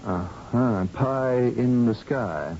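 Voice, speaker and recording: A man speaks extremely slowly in a slightly mellow voice, acting as a weary, grim scientist in a 1970s-style radio drama. His manner is blunt and resigned, full of grim resignation. The sound is a muffled, noisy old radio broadcast with rumble.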